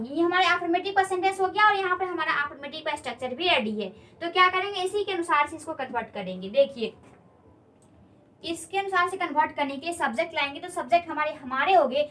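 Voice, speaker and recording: A woman teaches a spoken English lesson at a board, patiently repeating key points and asking learners questions. Her voice is high and fairly bright.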